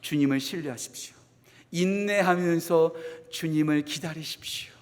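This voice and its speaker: A middle-aged Korean man preaching a sermon. He talks fast, repeats phrases for emphasis, and moves between loud exhortation and hushed asides. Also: a little high. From South Korea. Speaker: associate pastor. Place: church sanctuary. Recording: long hall reverb of a church.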